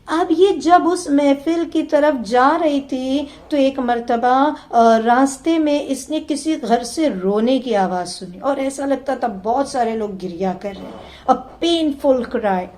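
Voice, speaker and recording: Woman preacher, high voice, storytelling sermon, English words mixed in, soft slow prayer at the close. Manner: mixes English words into Urdu speech. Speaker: religious lecturer.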